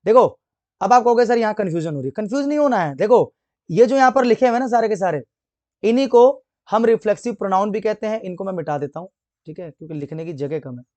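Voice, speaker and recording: A man teaching an English grammar lesson online. He keeps asking the class questions and answering them himself, and he reads the English example sentences slowly. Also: sits high, animated, darkish tone, no echo. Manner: asks and answers his own questions.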